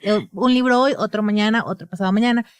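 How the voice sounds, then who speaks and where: A woman's voice: medium pitch, quick pace, dry recording. A woman with a Costa Rican accent, a speech therapist explaining in a casual podcast conversation and often closing sentences with a question tag. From Costa Rica.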